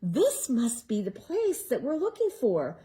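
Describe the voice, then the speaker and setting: A woman playing a small, stubborn barnyard hen who clucks her words with emphatic insistence. The pitch bounces high and lively, loud on each demand. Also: a little slow. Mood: determined. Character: fussy, determined little barnyard hen.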